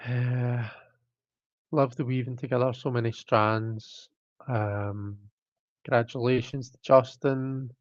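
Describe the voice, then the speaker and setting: This man is hosting a live stream, reading chat and talking casually in a slow, medium-pitched voice with fairly even intonation. His speech wanders, full of fillers and false starts, and his throat catches repeatedly. The recording is dry with the highs cut off.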